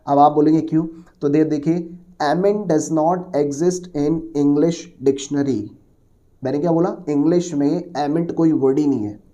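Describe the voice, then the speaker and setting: A man teaching an exam-prep grammar lesson in a mellow, slightly high voice. He explains patiently, asks the class questions and then answers them himself. He mixes English words and phrases into his talk. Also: dull audio.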